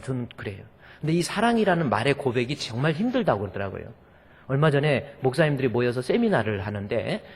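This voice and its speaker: Folksy husky-voiced pastor in a hall. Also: male voice, medium pitch. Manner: folksy, jokes with the congregation. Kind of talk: sermon. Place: church sanctuary. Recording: long hall reverb.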